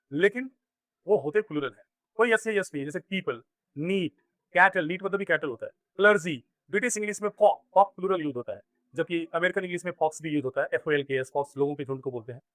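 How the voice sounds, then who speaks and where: Male teacher, bright voice, dry recording, asks and answers own questions. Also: high-pitched, fast, no room sound. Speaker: English teacher. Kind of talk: classroom grammar lesson in Hindi.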